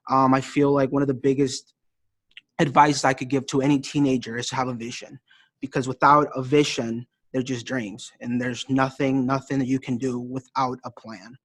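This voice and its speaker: A man's voice: mid-range voice, level tone, normal speed, no room sound. A teenage man from Iowa giving an earnest, encouraging talk about goals, with loose restarts. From Iowa, USA. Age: teens. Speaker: youth speaker. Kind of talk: casual motivational talk.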